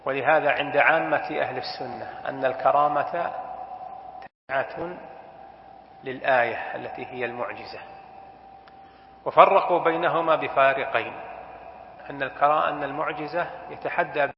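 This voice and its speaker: A man, a sheikh explaining a classical text in a lesson, slow and deliberate and stressing key terms. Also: medium pitch. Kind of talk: scholarly lesson commentary. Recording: echoey hall, dull sound with faint hiss.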